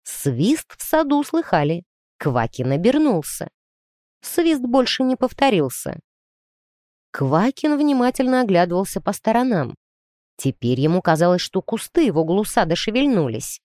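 A woman narrating a children's story aloud with expressive storytelling. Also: medium pitch, moderate pace, no echo, studio quality. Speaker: audiobook narrator. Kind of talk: scripted narration.

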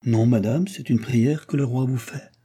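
A man's voice: mid-range voice, normal speed, dark tone, husky, close to an everyday voice. A man reading aloud and voicing a genial, well-fed king who talks in a hearty, insistent way. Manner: hearty, insistent, fond of his food.

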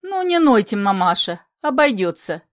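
A woman's voice: a little high, sing-song, moderate pace, dry recording, studio quality. A woman reading an audiobook, voicing a bold, proud young mother with a commanding manner.

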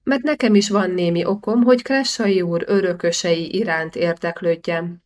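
A bold young man in an audiobook, scolding with cutting, righteous indignation, as a woman reader voices him. The voice sits a little low and carries steady, clear force. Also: natural voice. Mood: indignant.

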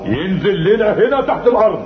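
A man's voice: high-pitched, sing-song, fast talker. An actor with an Egyptian accent playing a tyrannical, suspicious jinn king in a theatrical radio fantasy, imperiously barking orders. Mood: roaring, angry. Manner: imperious, barks orders, bursts into shouts. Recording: muffled, noisy, echoey old radio recording.

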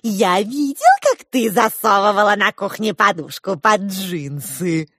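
Lady doing an old clown guy, blunt and slow, dry sound. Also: mid-range voice, a bit bright, dry recording. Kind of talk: audiobook reading.

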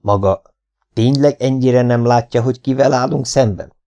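A man's voice: medium pitch, mellow, voice pushed up, lightly acted. A man reading an audiobook, voicing a stern male police chief who barks orders at his men. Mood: exasperated. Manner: barking orders, stammering when shocked.

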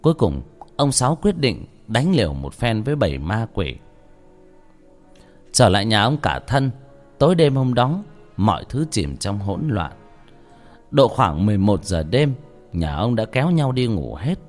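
A male storyteller narrates a ghost story in a dramatic, suspenseful way. His voice is low, with wide, lively swings in pitch. Faint music plays behind him. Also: a little slow, long pauses.

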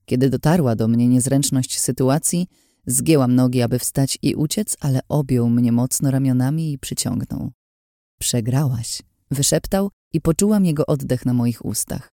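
An audiobook narrator reads a novel aloud from a script, telling the story in a steady first-person manner. His mid-range voice moves at a moderate pace, and the studio sound is clean with no echo.

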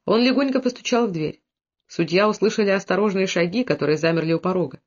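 Male narrator with a high-pitched voice, steady storytelling delivery, slightly muffled recording. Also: fast talker. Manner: steady storytelling, lowers voice for characters' quoted lines. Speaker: audiobook narrator. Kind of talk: scripted narration.

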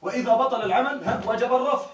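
A man gives a classroom grammar lecture in a fairly high voice, stopping often to ask whether the students follow. He is heard from some distance off the mic. The room is echoey. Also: rapid-fire. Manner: keeps asking students if they follow. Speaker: grammar teacher.

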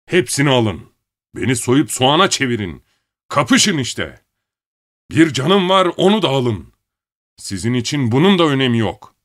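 A man voicing a furious, tyrannical middle-aged father who shouts and rants bitterly at his family. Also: medium pitch, sing-song, unhurried, pauses often, no room sound, clean studio sound, pitched above the performer's own voice. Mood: raging. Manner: bellowing, bitter, ranting.

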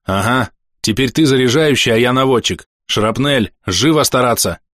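A man voicing an excitable, boastful soldier gunner who shouts eagerly in an audiobook battle scene. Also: mid-range voice, normal speed, no room sound, studio quality, voice pushed up, close to an everyday voice. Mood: excited.

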